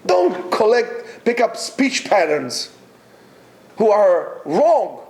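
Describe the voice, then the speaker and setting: Lecturing his students slowly and unhurriedly, this male yeshiva teacher pauses frequently as he emphatically exhorts them. His voice sits fairly high and is a little mellow, with huge swings in pitch.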